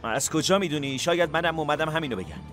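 An actor dubbing a nosy, meddling brother in a TV drama, huffy and mock-formal. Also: male voice, fairly high pitch, over music, natural voice. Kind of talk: Persian dub of a TV drama.

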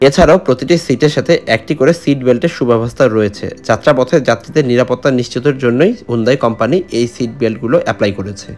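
Travel vlog guy doing a scripted voiceover, talks fast, faint music behind. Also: mid-range voice, darkish tone. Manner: descriptive, reviewing. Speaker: travel vlogger. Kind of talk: scripted voice-over narration.

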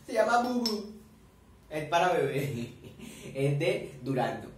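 A man's voice: fairly high pitch, sing-song, slow pace, a little hiss or hum. A man doing chatty reaction commentary, swearing a lot and eating while he talks. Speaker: reaction vlogger. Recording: very echoey room, far from the mic.

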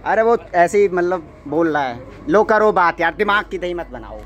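A young man loudly faking a phone call as a prank on a metro train, cooing and coaxing the person on the line. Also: high-pitched, expressive, moderate pace. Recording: busy crowd and loud noise behind.

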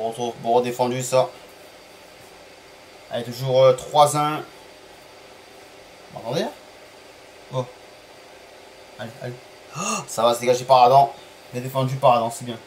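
Chatty French streamer, excited match calls. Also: male voice, medium pitch, moderate pace, pauses often, slight background noise, poor audio. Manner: chatty, apologetic about stream bugs, excited calls of goals and penalties. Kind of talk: live gameplay commentary.

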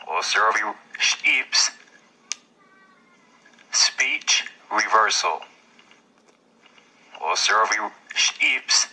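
Reversed man's speech, played backwards: very slow, breathy, bright, distant software playback. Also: lowish voice, lively intonation. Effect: speech played backwards through software, slowed.

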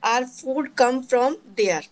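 A woman with a North Indian accent and Hindi as first language, haltingly presenting as an English learner in an online class. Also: sits high, expressive. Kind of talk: halting speaking-practice presentation.

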